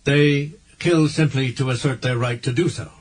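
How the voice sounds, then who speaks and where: A man voicing a stern, formal male alien governor in an audiobook, speaking firmly and with measured weight, husky-voiced. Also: medium pitch, fairly even intonation, voice pushed up, close to an everyday voice.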